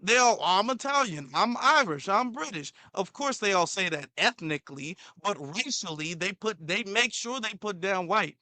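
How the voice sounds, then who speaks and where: A man's voice: high voice, expressive, normal speed, hardly any pauses, bright, forceful tone, no echo. Heated guy ranting over a clip, repeats himself a lot, dry close sound. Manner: heated, repetitive, stumbles over words when frustrated. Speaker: commentary channel host. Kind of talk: reaction commentary.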